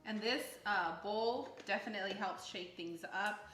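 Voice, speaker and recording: A woman's voice: mid-range voice, normal speed, reverberant, over music. Chatty woman hosting a cooking video. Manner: upbeat, chatty, laughs often. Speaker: cooking channel host. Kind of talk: casual cooking demonstration. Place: home kitchen.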